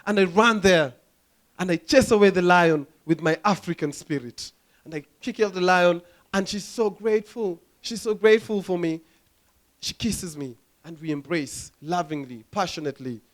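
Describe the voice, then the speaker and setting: A young Kenyan man with a Kenyan accent doing a stand-up comedy set, telling animated stories, acting out voices and laughing at his own jokes. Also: sits high, moderate pace. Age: young adult. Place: comedy club stage.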